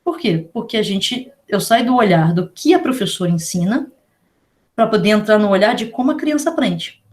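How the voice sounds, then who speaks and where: A woman with a Brazilian accent giving a casual online lecture, chatty and full of slang, spelling out letters slowly. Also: medium pitch, lively intonation, darkish tone. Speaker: teacher.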